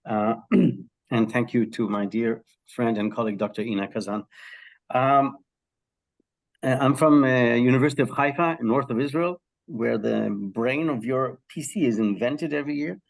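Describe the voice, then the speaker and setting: Speaking at normal speed in a mid-range voice, a middle-aged man who teaches health psychology describes his research during an interview, lively but full of ums and frequent throat-clearing.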